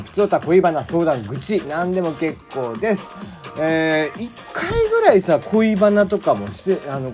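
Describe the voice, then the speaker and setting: A man hosting his own casual talk show, rambling with many drawn-out fillers and chuckling at himself, with slight traces of a Hakata dialect. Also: a little high, darkish tone. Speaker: podcast host.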